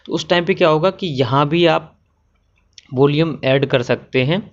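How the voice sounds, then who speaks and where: A man presenting an electronics tutorial, walking through a circuit diagram step by step in a patient way with many filler pauses. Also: fairly high pitch, muffled recording.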